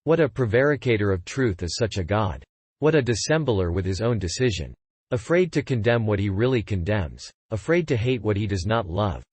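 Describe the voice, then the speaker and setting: Husky low-voiced man reading aloud. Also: a little mellow, dry recording. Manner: measured, declamatory delivery. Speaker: reader. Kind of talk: scripted reading.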